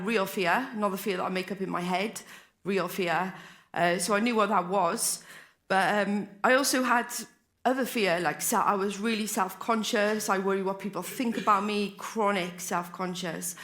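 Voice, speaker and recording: A Welsh woman in her forties stands on a convention hall stage at a recovery convention, giving a candid, rambling personal share. Her voice is medium in pitch and fairly bright, and she often restarts her sentences.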